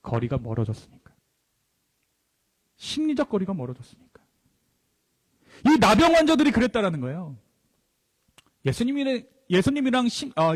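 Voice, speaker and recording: A male pastor preaching a sermon, asking the congregation questions and answering them himself, often trailing off into soft low endings. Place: church sanctuary. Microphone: handheld or stand mic. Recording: long church reverb.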